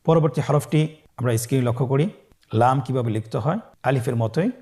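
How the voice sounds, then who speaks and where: A man teaching Quran letter pronunciation step by step, slowly drawing out each letter for the listener to repeat. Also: mid-range voice, darkish tone. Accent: Bangladeshi Bengali. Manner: slow, drawn-out model pronunciations for the listener to repeat.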